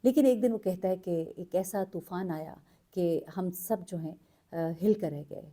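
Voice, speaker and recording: A woman narrating a true story in an earnest, unhurried way, pausing with fillers as she goes. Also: on the low side, dark tone. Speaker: storyteller host.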